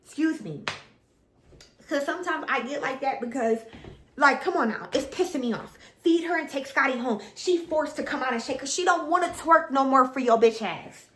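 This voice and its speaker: A young woman who makes reality TV reaction vlogs rants casually about a show, blunt and profane, repeating her complaints in exasperation. Her high-pitched voice is expressive and fairly bright at a normal speed. There is slight background noise and a noticeable room echo.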